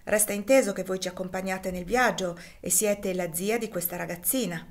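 An anxious young husband close to freedom, earnest and strained, read by a woman in an audiobook. His words come softly, then push hard when fear rises. There is no heavy put-on voice. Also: mid-range voice, normal speed, close to an everyday voice. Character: young man fleeing slavery, anxious. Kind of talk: audiobook dialogue.

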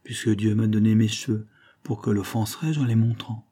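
A man's voice: lowish voice, steady tone, a little fast, warm tone, husky. A man voicing a hot-tempered, defiant young woman in an audiobook reading, with an insolent, mocking manner.

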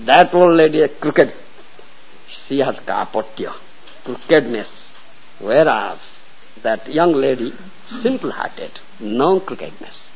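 A man's voice: medium pitch, big pitch swings, slow pace, pauses often, husky, highs cut off. A man giving a devotional sermon and telling a story, often repeating phrases and checking that listeners follow. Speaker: religious teacher.

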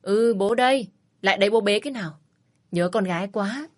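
A woman's voice: mid-range voice, a little fast, natural voice. A woman voicing a smug, pushy ex-husband who talks in a wheedling, mocking, overly familiar way in a storybook reading. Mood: smug teasing. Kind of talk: storybook narration.

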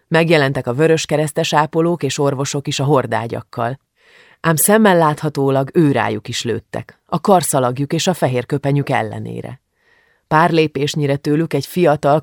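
A man reading an audiobook aloud in a measured, grave manner, recorded close to a studio mic. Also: medium pitch, creaky, no echo. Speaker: audiobook narrator. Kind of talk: audiobook narration.

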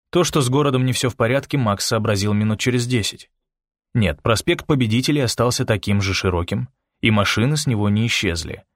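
A man narrating a story in a steady, expressive audiobook reading. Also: on the low side, no room sound, clean studio sound. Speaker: audiobook reader.

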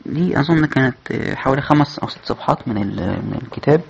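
A man's voice: medium pitch, lively intonation, fast talker, creaky, muffled recording, a little hiss or hum. A man with an Egyptian Arabic accent hosting a podcast, reading book passages aloud and then commenting in casual talk full of hesitations. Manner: reads quoted passages with raised voice, then chats with many hesitations. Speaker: podcast host.

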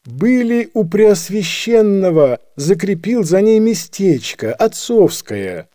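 A humble old peasant woman begs in a drawn-out, sing-song wail, her voice lifted high above a grown man's own, as a male reader puts her on. The lament crawls slowly, rising and sinking as she pleads. It is a lively storybook voice with a mellow, dark edge. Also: dry recording, clean studio sound, heavily acted. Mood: pleading.

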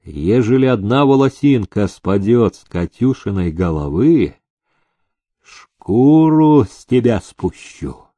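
A man's voice: on the low side, expressive, takes it slowly, dark tone, dry recording. A man voicing a domineering master who speaks with faint mockery and cold command. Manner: mocking, commanding. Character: sly domineering master, middle-aged man.

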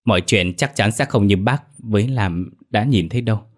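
A kind young man who speaks calmly and reassures the others, read by the narrator. His voice sits lowish. It plays like an audio story. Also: normal speed, lightly acted. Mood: reassuring. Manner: calm, reassuring.

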